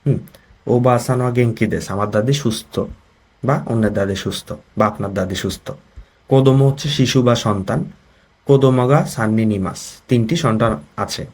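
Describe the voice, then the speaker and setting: A man with a Bangladeshi accent teaches a Japanese vocabulary lesson, explaining each word, reading an example sentence, translating it, and often checking that learners follow. His voice is medium-pitched, husky and a little mellow, brisk with fairly even intonation.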